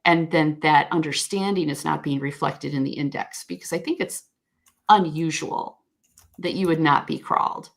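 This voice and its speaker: A woman with a deep, gravelly voice, talking at a moderate pace, gives a conversational explanation of search crawling as a guest expert on a video call. She's thoughtful and frank, correcting herself often.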